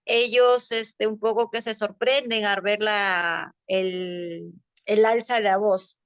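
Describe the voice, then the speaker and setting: A woman's voice: medium pitch, steady tone, takes it slowly, clean tone, no echo, muffled recording. A woman student answering in class, hesitant and searching for her words. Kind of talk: class discussion.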